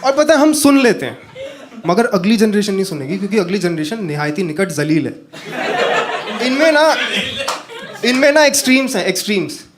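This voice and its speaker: A man's voice: high voice, moderate pace, long pauses, background noise. A man from northern India doing a stand-up comedy set, telling stories and talking to the audience. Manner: animated storytelling, talks to the audience. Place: comedy stage with a live audience.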